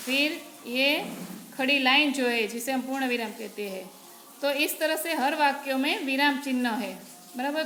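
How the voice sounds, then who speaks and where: A woman teacher from Gujarat patiently explains Hindi grammar step by step in a lesson, often saying "barabar". Her voice sits high and sounds pushed and bright, recorded in an echoey room with faint noise.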